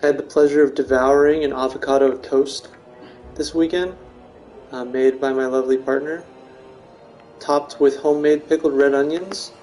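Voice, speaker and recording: A man's voice: mid-range voice, fairly even intonation, normal speed, darkish tone, soft background music. A man streaming a video game, chatting casually and joking with his audience in a rambling way. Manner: joking, rambling, talks to chat. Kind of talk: casual live-stream chat while gaming.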